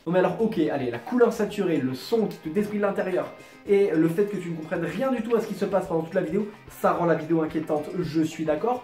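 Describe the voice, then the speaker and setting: A man's voice: high voice, a little mellow. A man hosting a comedic video commentary, joking, mocking and self-deprecating. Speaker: YouTube host. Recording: roomy echo, no proper mic.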